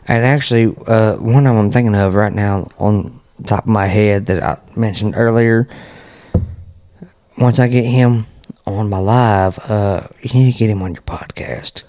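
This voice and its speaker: A man's voice: lowish voice, a little mellow. Folksy, sweary man chatting casually. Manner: profane, folksy, rambling. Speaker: podcast guest. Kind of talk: casual chat. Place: at home.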